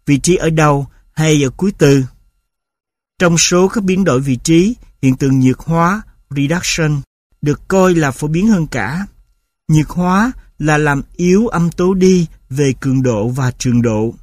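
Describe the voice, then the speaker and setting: A man reads a textbook aloud at an even, measured pace, with a voice a touch higher than most men's. He taps out examples in short, clipped rhythmic beats. The recording is close and dry, with no room sound. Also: no room sound. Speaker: narrator reading a linguistics textbook. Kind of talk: audiobook-style textbook reading.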